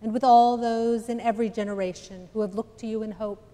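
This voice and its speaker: A middle-aged woman priest leading a liturgical prayer at the altar, measured and solemn with deliberate pauses. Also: a little high, steady tone, mellow. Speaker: priest celebrant. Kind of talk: chanted-spoken liturgical prayer. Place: large stone church, indoors. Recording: long church reverb.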